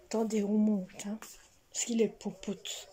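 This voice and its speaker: A woman's voice: medium pitch, flat delivery, a little slow, warm tone, a little hiss or hum. A woman vlogging at home as a mother, chatting casually and speaking straight to her viewers.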